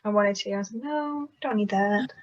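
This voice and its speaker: A woman's voice: mid-range voice, normal speed. A woman co-hosting a casual chat about knitting, heard over a video call and chatting in an easygoing way. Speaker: podcast co-host. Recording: dull lo-fi video call audio.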